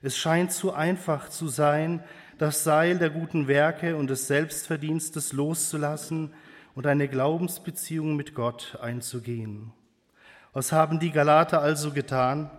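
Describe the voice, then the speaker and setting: Slow-speaking man preaching in a church. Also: fairly high pitch, steady tone, long reverb tail. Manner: slow, hesitant, with pauses and fillers. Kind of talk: sermon.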